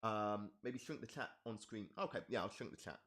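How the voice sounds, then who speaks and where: A man's voice: lowish voice, fairly quick, a bit bright. A rapper and streamer on a live stream with a webcam, eagerly walking through his own lyrics, counting syllables aloud and thanking viewers in chat. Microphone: streaming setup with webcam.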